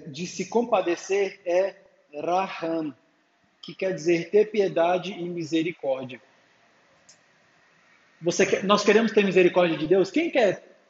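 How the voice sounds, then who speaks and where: A man's voice: high voice, a little mellow. A man preaching a sermon to a congregation, calling for amens and acting out talks with his little daughter. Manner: calls out to the congregation with frequent amens; acts out dialogues with his daughter. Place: church hall with an audience. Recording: echoey hall, dull sound, faint hum.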